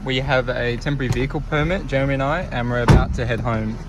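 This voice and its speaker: A man's voice: medium pitch, steady tone, quick pace, heavy background noise. A young Australian man hosting a vlog, chatting casually and slangily to camera and joking with his friends. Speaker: vlog host.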